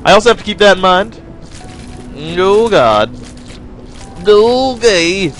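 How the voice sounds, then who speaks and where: Chatting slowly through a game run, a young gaming host rambles, jokes and pokes fun at himself while talking to his viewers. His very animated pitch bounces from line to line, and quiet game music sits softly beneath him.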